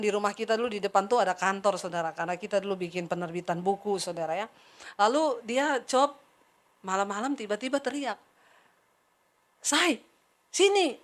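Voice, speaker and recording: A middle-aged woman preaching a sermon, telling a personal story with lively acted-out dialogue and asides to the congregation. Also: a little high.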